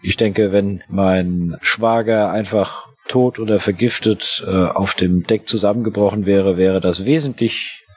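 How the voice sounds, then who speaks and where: A man playing a Victorian police detective inspector who talks haltingly, with many fillers and restarts. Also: on the low side, steady tone, a little mellow, husky, muffled recording. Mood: earnest.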